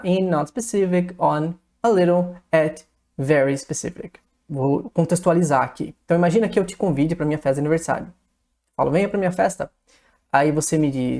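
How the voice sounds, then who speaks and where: A woman with a low, steady voice and a Brazilian accent teaches English grammar in a video lesson. She explains patiently and step by step. She often checks in with short tag questions. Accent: Brazilian Portuguese.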